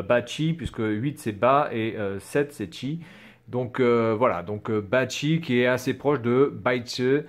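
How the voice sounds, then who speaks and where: A man's voice: medium pitch, darkish tone. A man casually explaining things on camera, hesitant and full of fillers, writing as he talks. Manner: hesitant, many fillers and "voilà". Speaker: vlogger.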